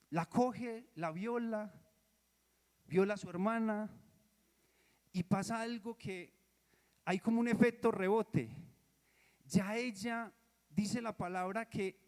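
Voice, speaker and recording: A Colombian man preaching a sermon, telling a Bible story in a lively way and dropping into soft asides. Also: sits high. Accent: Colombian Spanish. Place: church. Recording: church hall reverb. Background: long hall echo.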